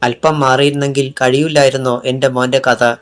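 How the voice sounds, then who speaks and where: A man's voice: mid-range voice, level tone, a little fast, close to an everyday voice. A man reading the part of a tearful older mother afraid for her son, in an audiobook.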